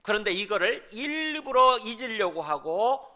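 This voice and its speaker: Lively, bright-voiced male pastor preaching. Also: sits high, unhurried. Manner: conversational preaching with rhetorical questions; mimics scoffers in mocking asides. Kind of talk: sermon.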